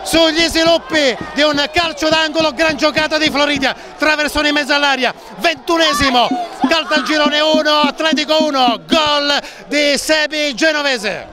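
A man commentates football in a very high, strained register. His goal calls are breathless, excited and shouted. A clear crowd sounds behind him outdoors. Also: normal speed. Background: outdoor stadium crowd.

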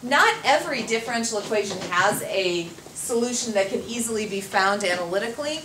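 Picked up by a distant camera in an echoey classroom with faint noise, a woman teaches math at the whiteboard, explaining each step and questioning her students. She sounds animated and a bit bright, speaking fairly quickly in a slightly high voice.

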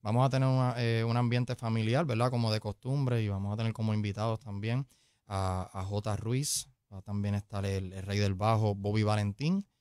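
A man's voice: on the low side, steady tone, moderate pace, a little mellow, smooth, no room sound, studio quality. A man promoting an event as a radio guest, friendly with many filler tags. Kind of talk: radio interview. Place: radio studio. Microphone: studio mic.

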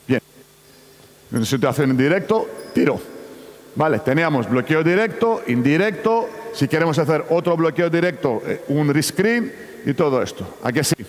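This coach has a fairly high, expressive voice and keeps a moderate pace. Running a clinic in Spanish, which he speaks as a non-native, he calls to players on court with choppy directions, and the hall echoes around him in the large indoor basketball venue.

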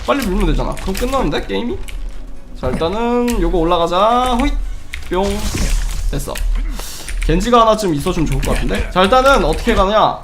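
A man with a high voice commentates his own game in a casual, excitable way. His pitch swings widely as he mutters to himself, adds silly sound effects and bursts into exclamations. Loud music plays behind him. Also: a little fast. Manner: excitable, breaks into shouts and exclamations. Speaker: gamer commentating own match. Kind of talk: live gameplay commentary, casual.

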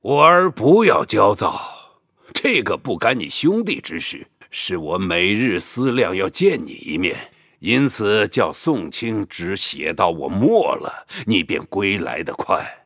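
An actor playing an elderly village patriarch who dotes on his sons, speaking slowly in a fatherly, pleading way. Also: fairly low pitch, big pitch swings, fairly bright tone, dry recording, clean studio sound, heavily acted. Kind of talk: audio drama acting.

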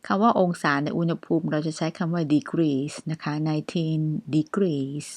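A Thai-accented woman gives a step-by-step English lesson in an unhurried, deliberate voice. Her pitch sits a little low, and she spells numbers out slowly so learners can repeat them. The recording is close and dry. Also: darkish tone, no echo. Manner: reads English numbers slowly and carefully for repetition; polite with frequent particles. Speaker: English teacher.

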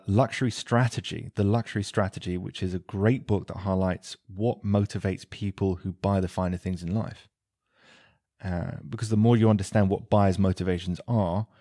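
A man hosting a podcast, telling a story in a relaxed, unhurried way with occasional ums. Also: sits low, no echo, clean studio sound. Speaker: podcast host, leathercraft teacher. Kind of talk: casual storytelling talk.

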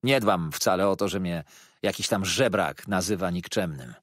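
A man's voice: deep voice, moderate pace, fairly bright tone, dry recording, clean studio sound. A man voicing an arrogant teenage schoolboy who answers his teacher with contempt and defiance. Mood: scornful.

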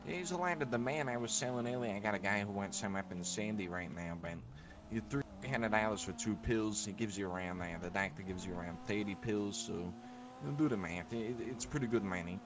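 A man's voice: on the low side, brisk, noisy background. A man talking casually in character during a game role-play, laid-back with some swearing.

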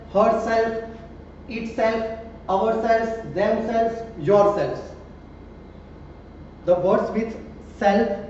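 Male english teacher, high voice, slow and repetitive, far from a dull mic, echoey room with faint hiss. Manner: slow, repeats examples and asks questions. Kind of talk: classroom grammar lesson.

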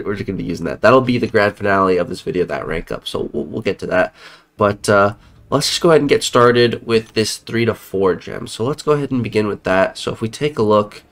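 A young man who makes mobile game content gives casual commentary on a mobile game into a headset indoors in a room at home. His fairly low, slightly bright voice sounds a bit off because he's sick, and he's chatty, rambling and correcting himself.

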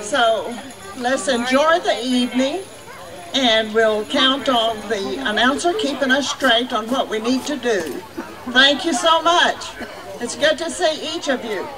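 A woman's voice: high voice, unhurried, a crowd in the background, low-quality recording. A woman giving an informal public welcome speech outdoors over a public-address system. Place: outdoors at an event field.

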